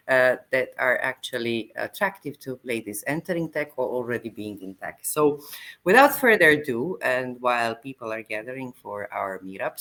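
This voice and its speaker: A woman hosting an online meetup over a video call, speaking haltingly with many fillers and restarts. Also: a bass voice, a bit bright, rough recording. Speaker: meetup host.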